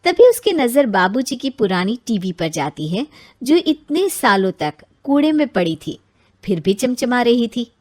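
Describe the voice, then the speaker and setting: Slow, high-voiced woman storyteller. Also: sing-song, a little mellow, no room sound, studio quality. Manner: clear, measured. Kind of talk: scripted children's story narration.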